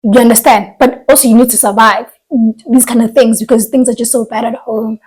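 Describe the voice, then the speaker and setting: Husky woman chatting. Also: a little high, steady tone, a little fast, darkish tone, low-quality recording. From southern Africa, living in South Africa. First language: a southern African language. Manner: thoughtful, trails off and restarts mid-thought. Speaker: podcast co-host. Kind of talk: casual chat.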